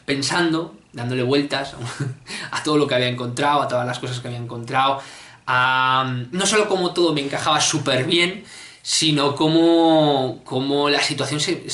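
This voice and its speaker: A man in his twenties from Spain with a Spanish accent, telling a personal story to camera in a casual, animated way, with many fillers and restarts. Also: medium pitch. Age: 20s. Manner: animated, hesitant with fillers and restarts, clears throat often. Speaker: mystery channel host. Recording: echoey room.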